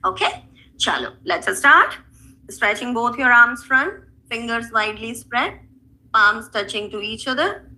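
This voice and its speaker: Bright-voiced North Indian woman teaching yoga. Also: fairly high pitch, lively intonation, a little slow, poor audio. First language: Hindi. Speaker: yoga instructor. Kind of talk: instructional yoga class, guiding movements and breathing.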